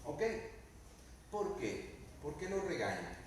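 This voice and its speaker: A man's voice: a little high, sing-song, slow, slight background noise. A male pastor preaches a sermon, asking the congregation questions and acting out quoted lines. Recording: very echoey room, mic at a distance.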